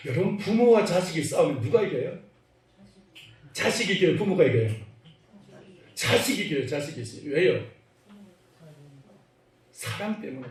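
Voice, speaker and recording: High-pitched male pastor preaching, acts out little scenes, asks the crowd stuff, big echoey church, mic kinda far. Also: normal speed, long pauses. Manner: animated, acts out dialogue, asks the congregation questions. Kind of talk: sermon. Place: church sanctuary.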